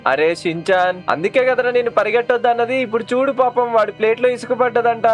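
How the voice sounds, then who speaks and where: Man playing a fast, flustered cartoon uncle. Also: very high-pitched, soft background music. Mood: scolding. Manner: scolding, flustered. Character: excitable fussy uncle looking after kids. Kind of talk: cartoon dub of a game.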